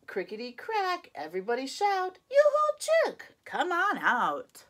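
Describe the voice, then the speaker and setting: A preschool teacher reads a picture book aloud to young children, drawing out every line very slowly. Her bright, sing-song voice swings hugely in pitch, playful throughout, and she gasps each time she turns a page.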